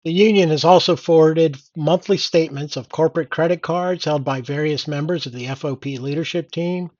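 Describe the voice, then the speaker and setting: A man's voice: a little high, a little mellow, dry recording, lo-fi sound. An older man reading out and commenting on news in an indignant, sardonic old-man rant. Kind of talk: opinionated read-aloud news commentary.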